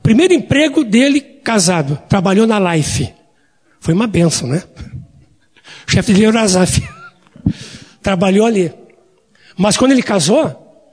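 A man's voice: high-pitched, a little mellow, slightly rough, in a large hall. A male pastor, preaching a sermon in a folksy storytelling way and often addressing the congregation as dear ones.

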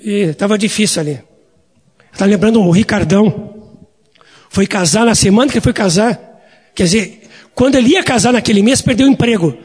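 A man's voice: sits high, fairly quick, long pauses, breathy edge, in a large hall. A male pastor, preaching a sermon in a folksy storytelling way and often addressing the congregation as dear ones.

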